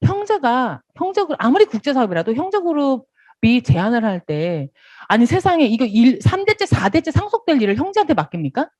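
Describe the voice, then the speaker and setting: A woman's voice: high-pitched, very animated, fairly quick, darkish tone, no room sound. A woman giving a motivational business seminar, acting out little dialogues and laughing often.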